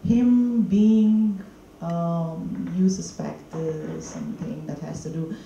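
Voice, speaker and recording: On the stage of a screening hall, a seated woman moderates a post-film talk, putting long, hesitant questions into a handheld mic with many fillers and restarts. Her voice is lowish, slow, gravelly and warm, with lively intonation. The hall sounds muffled and echoey, with faint background noise.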